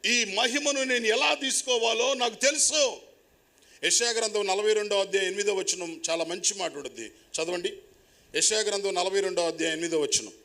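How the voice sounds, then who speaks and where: A man preaching a sermon as pastor, swinging between loud, emphatic calls and quiet asides to the congregation. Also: sits high, normal speed. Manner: preaching with sudden loud rises and quiet asides, calling for applause.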